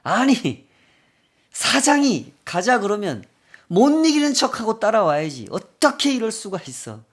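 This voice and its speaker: Man doing a stingy company boss, hot-tempered, scolding, yelling in anger. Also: on the low side, lively intonation, moderate pace. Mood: furious yelling.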